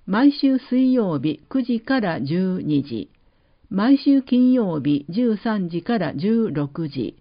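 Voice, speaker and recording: A woman announcer reading public-service notices, with slow, measured, carefully enunciated list reading. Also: mid-range voice, very animated. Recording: dull lo-fi recording.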